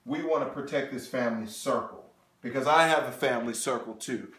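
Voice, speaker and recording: A man in his thirties giving a sales seminar presentation, animated and talking straight to the audience with frequent check-ins. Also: mid-range voice, a little fast. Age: 30s. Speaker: financial presenter. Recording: echoey room.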